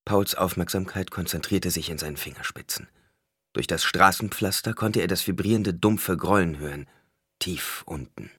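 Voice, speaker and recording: A man narrating an audiobook in a measured, expressive manner. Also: deep voice, slightly rough, no room sound, studio quality.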